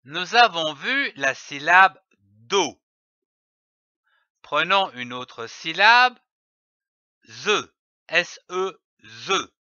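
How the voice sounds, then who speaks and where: A man giving a reading lesson, slowly spelling out letters and syllables with careful articulation. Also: fairly high pitch, animated, sharp tone, smooth, dry recording. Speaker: reading teacher. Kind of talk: slow, deliberate phonics lesson. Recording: dull, dry lo-fi voice-over.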